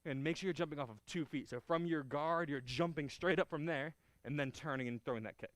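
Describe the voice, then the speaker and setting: Man giving sharp martial arts commands. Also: on the high side, fairly quick, dry recording. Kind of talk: live online karate class instruction.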